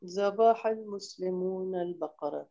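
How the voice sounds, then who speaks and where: A man's voice: high-pitched, dark tone, lo-fi sound. A male student in an online class, giving short polite replies to the teacher. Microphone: online call audio.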